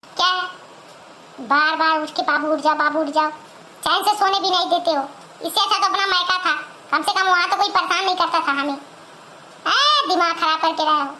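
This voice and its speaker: A woman's voice: very high-pitched, steady tone, brisk, bright, forceful tone, a little hiss or hum. A woman voicing a lazy, spoiled young wife in a cartoon, whining and demanding. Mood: grumpy. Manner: whiny, drawling. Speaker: younger daughter-in-law Pinki. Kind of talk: cartoon voice acting.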